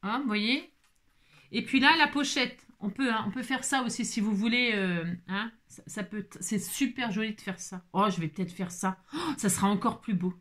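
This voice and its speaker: A woman hosting a casual card-making tutorial, chatty and animated, thinking aloud as she works and dotting her talk with little interjections. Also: fairly high pitch, moderate pace. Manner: chatty and animated, peppered with "hein" and exclamations; talks to herself while working, improvising aloud. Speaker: craft tutorial host.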